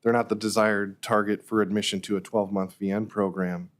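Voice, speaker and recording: A man with a slightly hoarse voice, formally asking questions at a public meeting as a board member, often rephrasing as he goes. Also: fairly low pitch, level tone, fairly quick. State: slightly hoarse, losing his voice.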